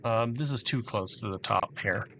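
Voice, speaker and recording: A man giving casual, halting commentary while he plans a build in a game, thinking aloud with many restarts. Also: lowish voice, vocal fry, a bit bright, slight background noise. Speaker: gameplay commentator.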